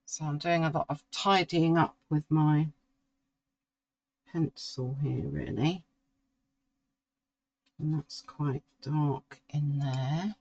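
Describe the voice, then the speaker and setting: A middle-aged woman, slowly talking through a drawing as she works and musing to herself. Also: low voice, steady tone, darkish tone, dull audio, a little hiss or hum. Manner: slow, musing, talks to herself while drawing. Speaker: art tutor. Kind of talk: relaxed painting tutorial.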